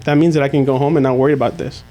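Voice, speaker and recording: A man hosts a casual podcast chat, talking loosely and restarting his sentences as he goes. His voice sits at an ordinary middle pitch. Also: racing. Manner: relaxed, rambling, restarts often. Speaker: podcast host.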